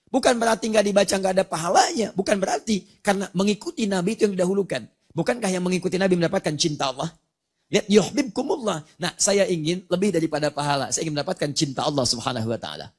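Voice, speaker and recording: Fast-talking male Islamic preacher. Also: high-pitched, slightly rough. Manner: explanatory, rhetorical questions, recites Arabic verses. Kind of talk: religious lecture.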